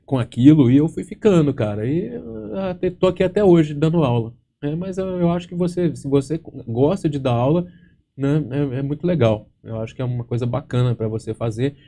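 A man with a Brazilian Portuguese accent hosting a live question-and-answer stream as an exam-prep teacher. He swears freely, tells jokey stories and tags nearly every phrase with a quick check word. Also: a little high, mellow. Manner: profane, joking storyteller, constant tag words. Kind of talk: casual live Q&A chat. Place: studio with green screen.

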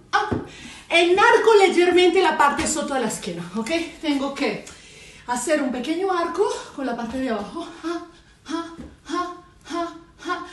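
A woman teaching an online dance fitness class, energetic, counting beats aloud and mixing two languages. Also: sits high. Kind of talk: online workout class instruction. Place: room at home. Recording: roomy echo, from far off the mic, loud music behind.

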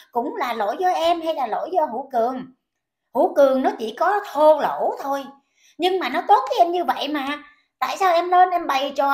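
High-voiced scolding woman with a southern vietnamese accent. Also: darkish tone. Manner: indignant, scolding, repetitive questions. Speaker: commentator. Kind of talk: ranting commentary vlog.

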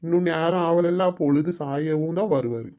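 A man voicing an easygoing elderly village grandfather with a southern Tamil Nadu accent, slow and homely. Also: on the high side, dark tone, natural voice.

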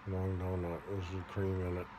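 A man in his forties with an American Midwestern accent, rambling half asleep in a drowsy, halting, mumbled drawl with casual swearing. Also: deep voice, completely flat delivery. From Michigan, United States. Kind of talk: sleep talking, rambling monologue. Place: indoors, lying on a bed or couch. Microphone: phone held close by another person. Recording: noisy handheld phone recording.

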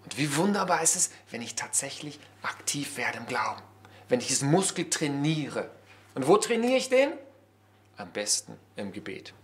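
Animated man preaching a sermon. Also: a little high. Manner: animated, conversational preaching with rhetorical questions. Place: church.

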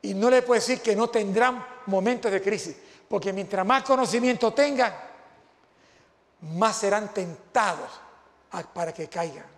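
A man's voice: high-pitched, moderate pace. A man preaching an impassioned sermon to graduates, repeating phrases for emphasis. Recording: long hall reverb.

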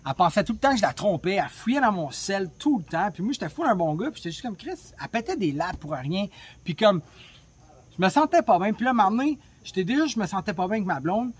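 A Québécois man with a somewhat high, husky voice tells a story from his own life as a travel podcast host. He talks casually and bluntly and swears freely. He is recorded on a phone. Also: big pitch swings, fast. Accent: Québécois French.

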